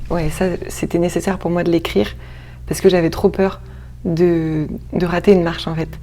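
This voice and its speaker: A woman with a lowish, mellow voice answers in a relaxed interview. She hesitates often, circling back and restarting her sentences as she searches for her words, then gets lively when she tells a story. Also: normal speed. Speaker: actress and stage director, interview guest. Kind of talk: casual conversational interview.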